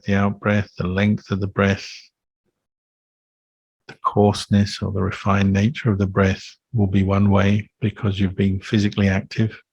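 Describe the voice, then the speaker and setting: Speaking like a teaching monk, a man offers guided meditation instruction in a lowish, very slow, slightly breathy voice. His melody stays calm and flat, with gentle pauses separating short phrases. The recording is muffled but has no echo.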